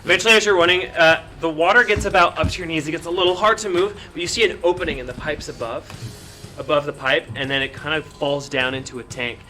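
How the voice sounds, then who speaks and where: A man's voice: on the high side, quick pace, sharp tone, faint music behind. A man acting as game master, casually improvising narration and rulings for a tabletop game. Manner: casual, conversational.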